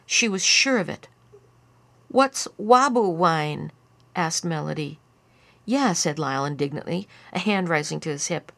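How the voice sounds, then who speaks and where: Low, gravelly woman reading a story. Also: brisk, hardly any pauses, a bit bright. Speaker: narrator.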